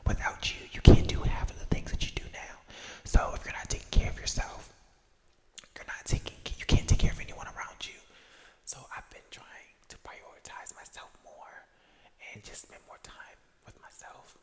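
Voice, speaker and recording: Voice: normal speed, darkish tone. Echoing ASMR whisper, gender unclear. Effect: echo effect on the voice. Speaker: ASMR video creator. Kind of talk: whispered ASMR rambling, casual personal chat. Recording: long echoing reverb on whisper.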